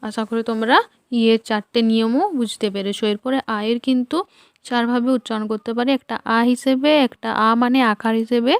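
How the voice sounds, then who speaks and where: A woman's voice: fairly high pitch, steady tone, a little fast, clear, resonant tone, no echo, studio quality. A woman English teacher giving a patient spoken lecture, spelling words out letter by letter.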